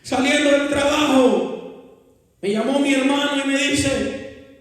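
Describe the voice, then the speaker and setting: A man from Guatemala preaching a fervent testimony sermon that rises to shouts, in a church hall. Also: very high voice, steady tone, takes it slowly. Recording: echoey hall reverb.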